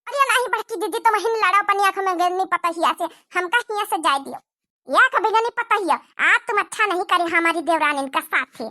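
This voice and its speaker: A woman's voice: fairly quick, bright, forceful tone, no room sound, clean studio sound. A woman voicing a dramatic, gossiping village aunt in a cartoon, wailing in an Awadhi accent. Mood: fretful. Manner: melodramatic, wailing, shrill. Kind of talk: cartoon dubbing.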